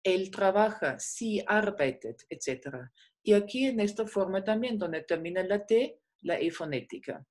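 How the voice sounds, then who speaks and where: A woman's voice: mid-range voice, expressive, unhurried, darkish tone. A woman teaching a class, explaining step by step, patient, with many fillers. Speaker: German teacher. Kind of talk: online class lecture.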